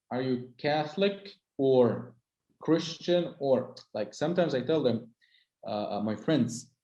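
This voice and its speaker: A middle-aged tour guide from the Holy Land, whose first language is Arabic, chats casually in a medium-pitched, dark-toned voice. He is hesitant, with lots of "uh"s and restarts. The recording is roomy and muffled.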